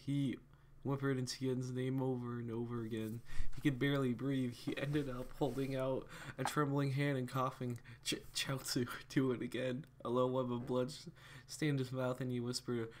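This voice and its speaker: Reading fan fiction aloud in a relaxed way, a young man with a medium-pitched voice trips over words and fixes them as he goes, tossing in chuckling asides. The recording has a little hiss or hum.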